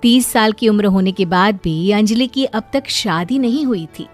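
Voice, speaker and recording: A woman's voice: mid-range voice, moderate pace, soft background music. A woman narrating a family cartoon story and speaking the daughter's lines. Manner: plain storytelling, lively character lines.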